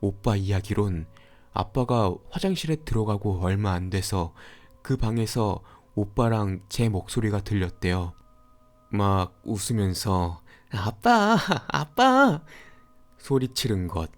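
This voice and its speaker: A man calmly narrating a scary story for a horror radio show. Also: lowish voice, a little slow. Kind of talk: scripted horror story reading.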